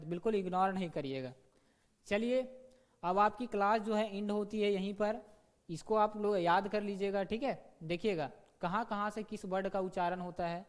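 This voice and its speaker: A man teaching an online grammar lesson who demonstrates sounds slowly and keeps checking in with students. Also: high voice. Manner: repeats "ठीक है" and asks students questions. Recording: long reverb.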